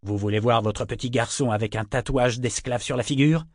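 A man's voice: medium pitch, fairly quick, no room sound, lightly acted. A desperate, half-wild young man who pleads with urgent insistence, read by a male narrator. The voice sits close and dry, with no room around it. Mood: insistent. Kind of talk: audiobook character voice.

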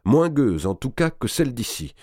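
A man voicing a hot-tempered young man of twenty in an audiobook, his voice lifting sharply as he turns vengeful. The delivery is animated, with a lot of movement in pitch. The recording is dry. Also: moderate pace, no echo. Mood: weary. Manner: impetuous, rising to anger.

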